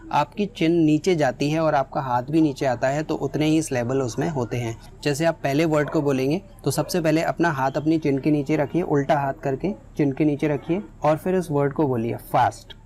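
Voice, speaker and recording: A woman's voice: deep voice, mellow, slight background noise. A woman teaching English pronunciation, explaining step by step and mixing in English phrases. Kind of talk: spoken lesson with examples.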